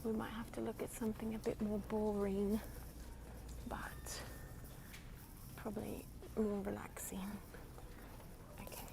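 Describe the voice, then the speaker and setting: A young woman softly whispering through an ASMR walkthrough of a store, naming the items one by one on a handheld phone. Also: mid-range voice, monotone, measured pace, gravelly, pauses often. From United States. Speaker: ASMR creator. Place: inside a large retail store. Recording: loud background noise in a busy store. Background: store noise, people opening boxes.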